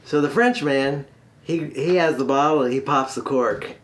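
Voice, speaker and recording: A man tells a long joke in a folksy, unhurried way. His voice sits in the middle of the range, and he drags the story out for effect. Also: medium pitch. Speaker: comedy storyteller host.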